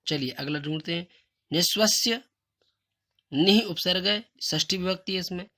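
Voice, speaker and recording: A man teaching a Sanskrit lesson, reading questions slowly and emphatically, then explaining them in casual Hindi. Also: high-pitched, fairly bright tone. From India. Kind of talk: recorded classroom lesson.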